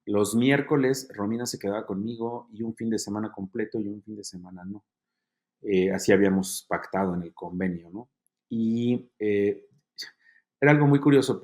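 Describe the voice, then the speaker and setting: A man's voice: mid-range voice, darkish tone. Earnest man telling his story. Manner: earnest, halting storyteller with many fillers. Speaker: guest. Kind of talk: testimony in an interview.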